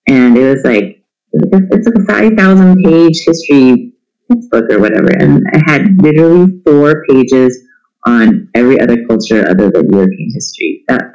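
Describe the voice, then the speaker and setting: A middle-aged homeschooling parent appears as an interview guest, chatting casually in a candid, irreverent and self-deprecating manner. His mid-range voice is a little mellow, and the audio is dull.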